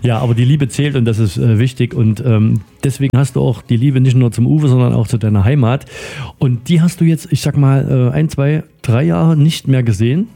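Middle-aged male radio host, rambling with lots of fillers, very dark gravelly voice. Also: mid-range voice, fairly quick, hardly any pauses. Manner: rambling, filler-heavy, friendly questions. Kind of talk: casual interview chat.

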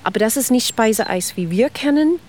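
A woman's voice: on the high side, expressive, moderate pace, darkish tone. Woman explaining ice cream history. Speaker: ice cream expert guest. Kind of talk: radio interview.

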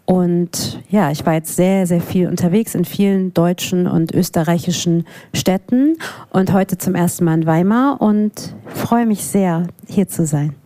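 A woman's voice: on the low side, unhurried. A woman in her thirties from Hamburg, introducing herself casually and then steadily reading her own prose aloud at a live event. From Hamburg, Germany. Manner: relaxed, with fillers, reads prose steadily. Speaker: author reading from her book. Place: event venue before an audience.

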